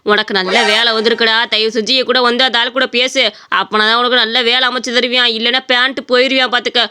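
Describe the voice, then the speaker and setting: A woman's voice: fairly high pitch, level tone, fast, sharp tone, smooth. A woman voicing a bossy middle-aged man who scolds and lectures in a cartoon story. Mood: lecturing. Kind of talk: cartoon voice acting.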